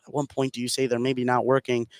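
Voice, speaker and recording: Speaking fast in a medium-pitched, completely flat voice, a male announcer calls a basketball game live on the radio. He narrates the play in running, conversational bits, and ambient noise is clearly heard in the background.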